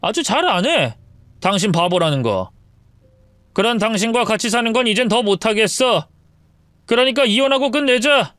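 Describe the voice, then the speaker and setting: Woman doing a low-voiced cruel husband, sneering, storybook drama. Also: sing-song, moderate pace, fairly bright tone, no room sound. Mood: contemptuous. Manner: sneering, insulting. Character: cruel cheating husband, contemptuous, middle-aged.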